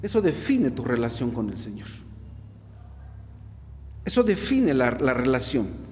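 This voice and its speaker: A man's voice: mid-range voice, sing-song, unhurried, darkish tone, long reverb tail, slight background noise. A man preaching a sermon to his congregation, asking them rhetorical questions. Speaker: pastor.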